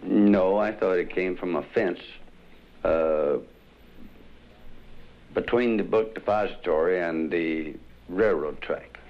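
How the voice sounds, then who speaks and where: A man's voice: low voice, slow, pauses often, muffled recording. A man giving brief, hesitant, plain answers as an eyewitness in an interview, on a 1960s vinyl record.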